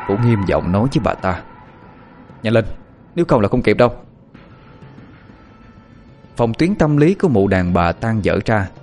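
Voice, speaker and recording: Low-voiced man narrating a horror story. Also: darkish tone. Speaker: audiobook narrator.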